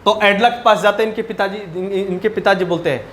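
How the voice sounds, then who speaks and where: A man's voice: sits high, fairly even intonation, a little fast, fairly bright tone, echoey room, slight background noise. A man teaching a class, retelling a story in a chatty way and often asking whether the students follow. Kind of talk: storytelling lesson retelling a chapter.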